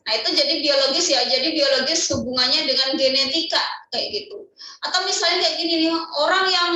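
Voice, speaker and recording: A woman's voice: high voice, pushed and bright, heavy reverb, recorded from a distance, rough recording. A woman teacher giving an online class lecture, explaining step by step and answering her own questions.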